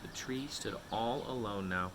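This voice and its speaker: A man with a fairly low voice reads a children's picture book aloud expressively, drawing out words dramatically and pausing for suspense, over a noisy background.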